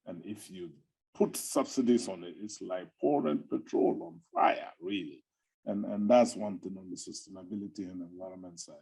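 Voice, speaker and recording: A middle-aged male academic speaks on an online panel with a husky, slightly breathy voice. His tone is dark and mellow. He talks conversationally and drifts into playful asides. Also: sits low, moderate pace, low-quality recording. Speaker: academic fisheries researcher, webinar panelist. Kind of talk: webinar talk.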